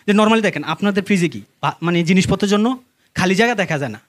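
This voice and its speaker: A young man with a Bangladeshi accent does conversational stand-up, telling stories to a laughing crowd in a voice that sits high, with lively intonation and a fast delivery. He addresses the audience and acts out dialogue, captured in a live stage recording with faint noise.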